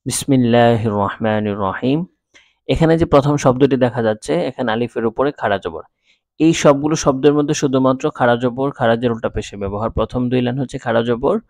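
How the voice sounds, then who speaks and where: A man with a Bangladeshi Bengali accent teaching Quran reading, calmly spelling out syllables and chanting the words slowly. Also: mid-range voice, no room sound. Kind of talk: slow spelled-out Quran lesson.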